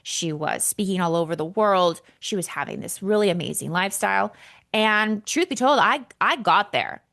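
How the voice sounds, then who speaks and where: A woman's voice: medium pitch, normal speed, vocal fry. Woman, 30s, solo podcast host, candid storyteller, casual and frank. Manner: candid, animated, casual swearing. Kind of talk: personal storytelling monologue.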